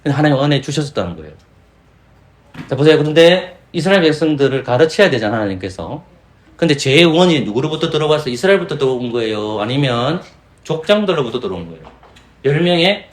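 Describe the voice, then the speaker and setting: A man with a Gyeongsang accent preaching a sermon in a church sanctuary. His voice sits a little high and swings widely in pitch as he fires rhetorical questions at the listeners. He acts out the quoted voices along the way. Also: big pitch swings, fast talker. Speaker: pastor.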